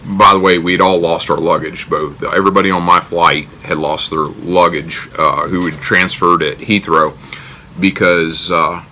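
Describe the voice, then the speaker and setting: A man's voice: deep voice, fairly even intonation, measured pace, sharp tone, slight background noise. An American man telling a casual personal anecdote in a wry, self-deprecating, joking way. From United States. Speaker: storyteller.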